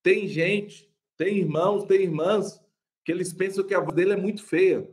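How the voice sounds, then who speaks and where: A young adult pastor from Brazil leads a live online class about preaching. His voice sits high and moves at a moderate pace. He is animated and talkative, laughing frequently and calling viewers "gente".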